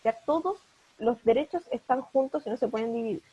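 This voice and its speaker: A woman's voice: on the high side, fairly quick, mellow, husky, highs cut off. A woman teacher, patiently explaining each word step by step in an online class over a video call. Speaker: primary school teacher.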